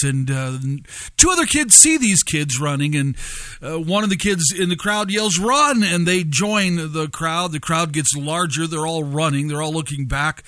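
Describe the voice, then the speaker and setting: A man preaching and reading news aloud, telling a story with many pauses and fillers and stressing key words. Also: fairly high pitch, fairly bright tone, no room sound.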